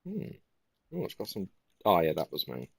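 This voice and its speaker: A tired man giving casual gameplay commentary in a flat, musing way. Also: deep voice, moderate pace, creaky, slightly rough, no echo. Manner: self-described monotone, relaxed and musing.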